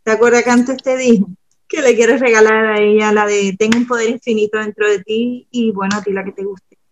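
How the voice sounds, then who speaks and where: Chatty woman from Cuba, higher voice. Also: steady tone, a little fast, muffled recording, slight background noise. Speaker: podcast guest. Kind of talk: casual podcast chat.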